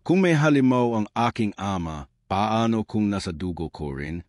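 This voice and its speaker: A man's voice: fairly low pitch, animated, normal speed, no echo, clean studio sound, close to an everyday voice. A man voicing a troubled young village man, anguished and fearful of his own blood, in a spoken horror story.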